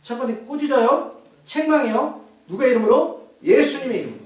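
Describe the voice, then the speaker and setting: A male pastor with a very high-pitched, lively voice preaches fairly quickly, putting questions to the congregation and answering them on his own. His sermon is captured from afar in an echoing church hall.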